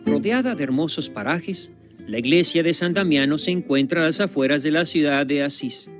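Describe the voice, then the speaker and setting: A man giving scripted documentary narration in a solemn, measured voice with dramatic pauses. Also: on the high side, animated. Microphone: studio voice-over. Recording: voice-over over guitar music. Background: guitar music.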